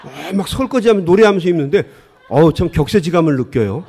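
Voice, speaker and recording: A middle-aged man delivers a sermon full of homely anecdotes, his pitch swinging up and down in a lively, animated way. He laughs often as he tells his stories to the congregation. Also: fast, breathy edge. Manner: lively storytelling, acts out dialogue, laughs often. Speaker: pastor.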